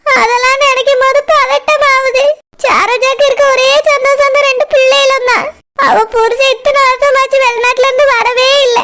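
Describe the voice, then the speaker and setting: A woman's voice: very high voice, level tone, moderate pace, pushed and bright, exaggerated voice. A woman voicing a distraught young mother in a cartoon who weeps and pleads over her missing children, with a Kanyakumari Tamil accent. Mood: tearful, pleading. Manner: weeping, pleading and fretful. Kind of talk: cartoon voice acting.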